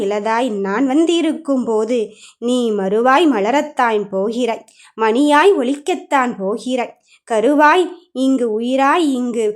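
A woman's voice: a little high, darkish tone, close to an everyday voice. A woman voicing the god Murugan as a loving father, giving a tender, consoling devotional message in the first person.

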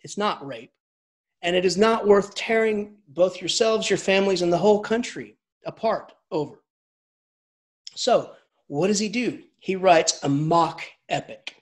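An English professor lectures informally and animatedly, often restarting sentences and chuckling through his asides. His voice is high and his delivery unhurried.

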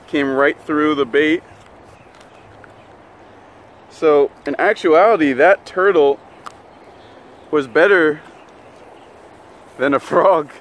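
Excitable young man fishing outdoors. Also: on the high side, slight background noise. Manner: laughs often, shouts when fish bite. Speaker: fishing channel host. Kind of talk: excited outdoor vlog chat. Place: outdoors by a pond.

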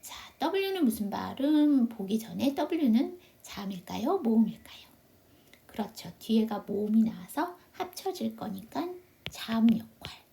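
A woman's voice: a little high, big pitch swings, a little slow, vocal fry, warm tone. A woman English teacher giving an online phonics lesson, asking her students questions and answering them herself in a patient, step-by-step way. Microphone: video call.

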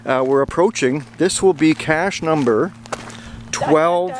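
A little high-voiced and slow-paced, a Canadian man in his forties keeps up chatty, upbeat commentary with frequent laughs on his casual geocaching vlog. He holds the camera at arm's length outdoors on a bridge and wooded trails in summer, and the recording has a little hiss or hum.

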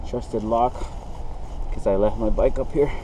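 A man's voice: fairly low pitch, unhurried. Man vlogging outdoors from his bike. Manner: relaxed running commentary, thinking aloud. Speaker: cycling vlogger. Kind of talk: casual vlog narration while riding. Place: outdoors on a coastal road by bike. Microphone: action camera mounted on bike. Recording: muffled action-camera audio with wind and traffic noise.

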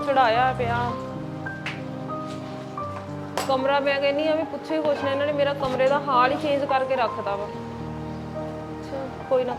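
A woman playing a hot-tempered young sister-in-law home from college, speaking in a sharp, indignant, complaining way. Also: sits high, natural voice. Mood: grumbling. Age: young adult. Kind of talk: short film acting. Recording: acted scene with music behind. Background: music.

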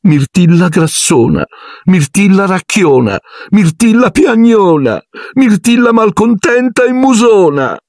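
A man's voice: sits high, sing-song, takes it slowly, a little mellow, no echo, studio quality, pitched above the performer's own voice, exaggerated voice. A man voicing a self-pitying teenage girl ghost who wails her complaints in a sing-song whine in an audiobook.

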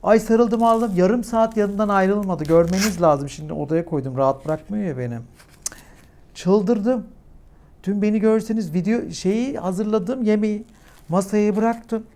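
A young woman vlogging at home while she eats, telling her story with animated, dramatic energy and a clip-on mic. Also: unhurried. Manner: animated, dramatic storytelling that climbs in pitch when agitated. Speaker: mukbang vlogger. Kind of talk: casual chat while eating.

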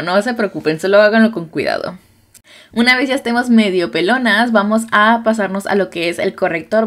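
Chatty woman teaching makeup. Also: mid-range voice. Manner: chatty and playful, with teasing asides. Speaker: makeup artist. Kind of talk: casual makeup tutorial narration.

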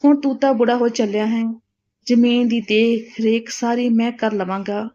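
A woman's voice: on the high side, fairly even intonation, normal speed, mellow, close to an everyday voice. A woman voicing a greedy, demanding grown son in a spoken story, in a pushy, insistent way. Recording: dull lo-fi recording.

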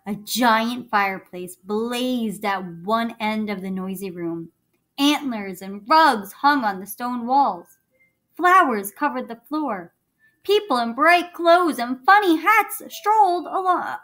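A woman reading a children's book aloud like a teacher, pausing to explain things to young listeners. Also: fairly high pitch. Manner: expressive, pauses to explain to listeners.

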